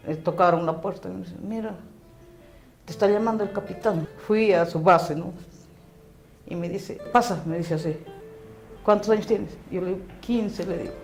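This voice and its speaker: Woman from Peru giving halting testimony. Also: fairly low pitch, darkish tone, rough recording. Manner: halting, emotional recollection. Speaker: interviewee, survivor testimony. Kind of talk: personal testimony interview.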